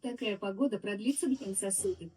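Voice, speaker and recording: A woman's voice: mid-range voice, a little fast, mellow, slight background noise. A woman's synthetic voice of a smart speaker assistant, making short announcements.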